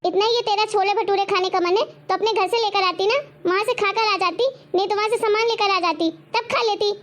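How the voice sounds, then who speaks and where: A woman's voice: very high-pitched, fairly even intonation, a little fast, fairly bright tone. A woman playing a harsh, stingy mother-in-law who scolds and taunts her daughter-in-law in a homemade family drama. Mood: scolding. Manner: scolding, taunting, repeats demands. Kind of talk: homemade web-drama acting.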